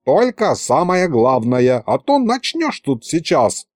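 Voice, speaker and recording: A man voicing a shrewd, kindly old grandfather who talks slowly in a folksy, coaxing way. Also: on the high side, very animated, no room sound, studio quality, heavily acted. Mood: stern.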